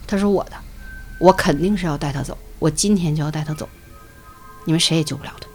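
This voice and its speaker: This is a menacing possessing spirit, sneering and certain it cannot be stopped. A woman storyteller voices it softly and slightly low, in a quiet, taunting register. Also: fast talker, faint music behind, natural voice.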